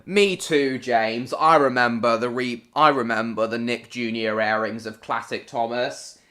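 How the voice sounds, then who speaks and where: A Hong Kong man hosts a casual gaming live stream, addressing viewers by name in a bright, edgy tone at an unhurried pace. His pitch is medium and his intonation fairly even, and he rambles and repeats himself, breaking into swearing whenever the game goes wrong.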